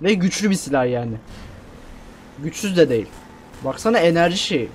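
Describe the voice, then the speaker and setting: Playing a game on stream, a young man gives casual, self-deprecating commentary and repeats himself when panicked. His voice is a little high and brisk, with lively intonation and a slight hiss or hum in the recording.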